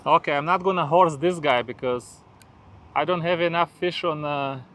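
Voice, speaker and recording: A fishing vlogger on a small river boat cheers on the fish he hooks and talks excitedly to his viewers. His voice is on the high side and a bit bright, at normal speed. A camera mounted on the boat captures the noisy outdoor recording, with traffic and outdoor sounds behind him.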